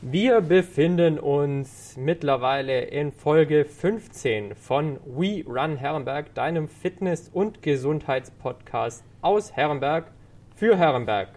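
A man's voice: a little high, a little mellow. A man hosting a fitness podcast, asking his guest questions in a friendly manner with frequent filler sounds. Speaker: podcast host. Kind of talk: casual interview hosting.

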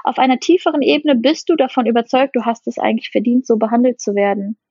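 A woman with a slightly high voice talks earnestly about personal growth in encouraging self-help phrases. The recording is dry and a bit muffled and lo-fi. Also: fast, warm tone, slightly rough, dry recording. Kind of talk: casual conversation. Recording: slightly dull lo-fi sound.

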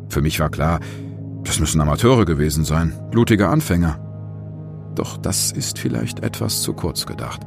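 A man with a low voice and vocal fry hosts a scripted true-crime story, narrating with dramatic, suspenseful phrasing in short, pointed sentences.

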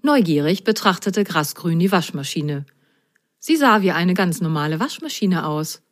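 A woman narrating a children's story in a gentle, clearly spoken way. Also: lowish voice, expressive, moderate pace.

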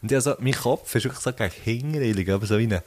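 A young man with a Swiss German accent chats casually as a podcast co-host, loose and jokey. He swears freely and often breaks off mid-sentence before starting again. His voice sits at an ordinary middle pitch for a man. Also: quick pace, a little mellow. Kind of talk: casual chat.

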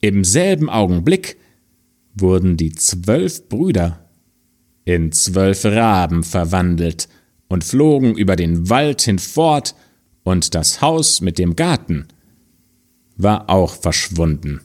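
Man, fairy-tale reader, low voice, lively melody, slow pace. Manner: slow, expressive storytelling. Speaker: storyteller. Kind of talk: fairy tale read aloud.

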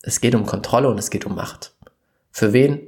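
A man in an impassioned monologue to camera, earnest and emphatic, pausing for weight and bursting into exasperation. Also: medium pitch, a little mellow. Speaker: vlogger.

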